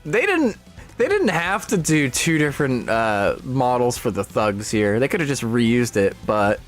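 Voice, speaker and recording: A man's voice: mid-range voice, very animated, measured pace, soft background music. A man streaming a story game, reading the dialogue aloud with playful, self-deprecating asides.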